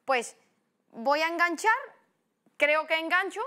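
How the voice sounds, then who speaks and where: A woman's voice: very high-pitched, slow. A woman in her twenties from Spain, a guest footballer telling a story in casual chat, acting out what people said. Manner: lively storytelling with acted-out quotes.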